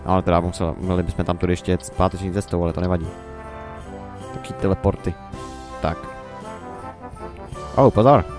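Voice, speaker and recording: A man's voice: low voice, flat delivery, long pauses, over music. A young Czech man rambling and musing to himself in casual gameplay commentary. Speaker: let's play commentator.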